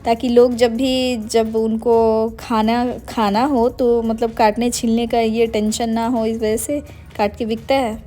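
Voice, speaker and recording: A young adult woman with a voice on the high side speaks slowly in a level, mellow tone. As a vlogger, she narrates a casual daily-life vlog in Hindi, chatty and meandering, sprinkling in English words.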